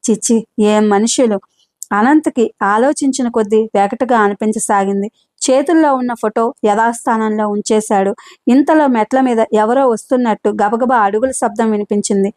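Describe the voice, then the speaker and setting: A woman narrating a novel aloud in a steady, measured storytelling manner. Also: a little high, no room sound. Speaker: audiobook narrator. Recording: dry close voice-over.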